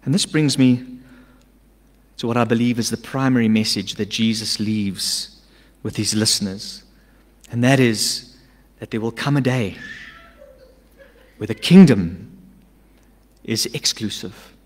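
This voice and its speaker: A middle-aged man preaching a sermon from a church stage into a stand mic, emphatic, swinging between urgent loud lines and hushed asides. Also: on the low side, unhurried, pauses often. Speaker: pastor. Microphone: stand mic at a pulpit. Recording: long church-hall reverb.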